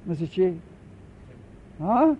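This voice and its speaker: A man teaching a class on Arabic word patterns, explaining step by step, repeating terms and asking students quick questions. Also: sits high, big pitch swings, a little hiss or hum. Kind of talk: classroom lecture, explaining and counting forms. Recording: muffled lo-fi recording.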